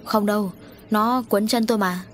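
A woman's voice: mid-range voice, steady tone, moderate pace, soft background music, lightly acted. A woman voicing a frightened, injured male dock worker who speaks in a trembling, hesitant way, in an audio story.

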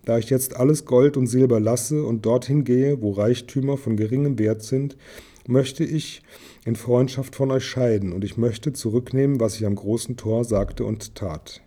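A man's voice: medium pitch, steady tone, moderate pace, dark tone, natural voice. A man reading the part of a dying male dwarf king who speaks solemnly and with regret.

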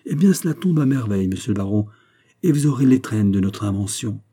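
A man's voice: lowish voice, animated, a little fast, warm tone. A man reading an audiobook voices a clever playwright who speaks in a courteous, ingratiating manner.

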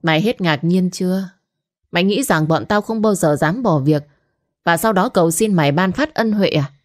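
A woman's voice: fairly low pitch, moderate pace. A woman narrating a dramatic story in first person, with scornful, cutting retorts. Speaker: audiobook narrator.

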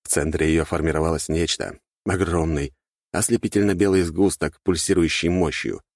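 A man reading a fantasy audiobook in a steady, dramatic way. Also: deep voice, moderate pace, no room sound, studio quality. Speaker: narrator.

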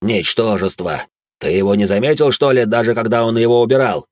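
A man's voice: lowish voice, brisk, no room sound, clean studio sound, close to an everyday voice. A man voicing a mocking, battle-hardened old man in an audiobook who sneers and barks orders. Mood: commanding. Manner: gruff, sneering, barks commands.

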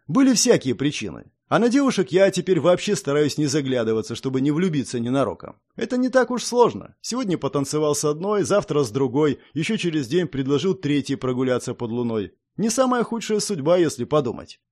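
A man voicing an easygoing cursed young man who talks in a relaxed, wryly philosophical way, in an audiobook. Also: on the high side, brisk, hardly any pauses. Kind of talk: audiobook character voice.

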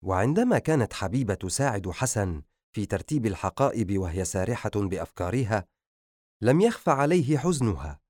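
A man narrating a novel as an audiobook in an expressive storytelling way. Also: lowish voice, fairly quick, dry recording, clean studio sound.

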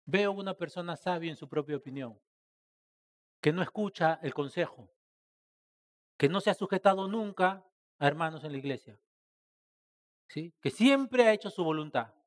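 Addressing the congregation as brothers, this preacher poses rhetorical questions throughout his church sermon, alternating loud emphasized phrases with softly trailing endings. His voice is a little high and animated, at a moderate pace with frequent pauses.

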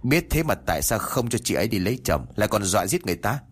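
A man voicing an older male exorcist who scolds and interrogates a ghost in quick, stern questions. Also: on the low side, big pitch swings, slightly rough.

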